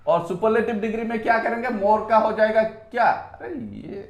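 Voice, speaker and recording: A man with an Indian accent teaching an English grammar lesson at a whiteboard, saying words slowly and repeating them, switching between Hindi and English. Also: high voice, steady tone, lo-fi sound. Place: room with a whiteboard. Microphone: phone on a tripod. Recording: echoey room.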